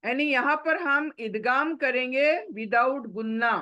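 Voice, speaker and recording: A woman teaching a tajweed class, patiently explaining rules step by step and sounding out recitation examples slowly, mixing English words into her talk. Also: high-pitched, sharp tone, lo-fi sound. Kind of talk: slow step-by-step recitation lesson.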